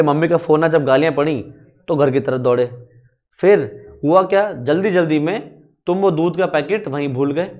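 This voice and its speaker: A man teaching a commerce law lecture in a chatty way, explaining with everyday examples, asking his students questions and reading English definitions slowly. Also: a little high, darkish tone, highs cut off.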